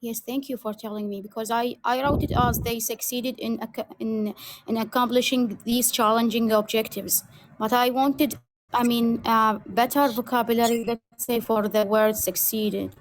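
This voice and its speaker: A woman's voice: on the high side, steady tone, moderate pace, slight background noise, poor audio. A woman learning English, reading sentences aloud carefully and politely asking how words are pronounced. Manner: careful, polite, asks about pronunciation. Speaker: English student.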